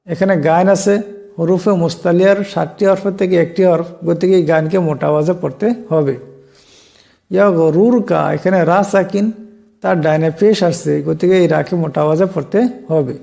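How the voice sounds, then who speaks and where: A man teaching Quran reading in Bengali, explaining slowly and deliberately, stretching out each example word. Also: fairly high pitch, fairly even intonation, gravelly, mellow. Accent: Bangladeshi Bengali. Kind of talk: Quran recitation lesson.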